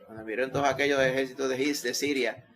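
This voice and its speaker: Emphatic Puerto Rican pastor preaching. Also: male voice, medium pitch, fairly even intonation, fast. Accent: Puerto Rican Spanish. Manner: emphatic preaching, rising loud when quoting scripture. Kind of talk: sermon.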